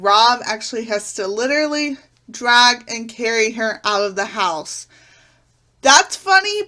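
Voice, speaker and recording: A woman's voice: fairly high pitch, bright, forceful tone. A woman hosting a YouTube video, presenting an enthusiastic countdown review. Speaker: YouTube host. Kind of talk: scripted countdown review to camera.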